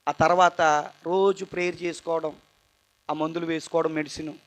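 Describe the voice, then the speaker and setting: A young man telling his personal testimony at a church youth meeting, tired and earnest, his voice moving between loud bursts and quiet asides. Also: a little high, flat delivery, normal speed. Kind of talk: emotional testimony sermon.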